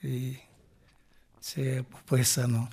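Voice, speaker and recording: Middle-aged guy, husky voice, halting, keeps restarting and trailing off. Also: medium pitch, monotone, a little mellow. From Guinea-Bissau. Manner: halting, restarts phrases, drops off at line ends. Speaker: interviewee, refugee musician. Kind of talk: casual interview talk.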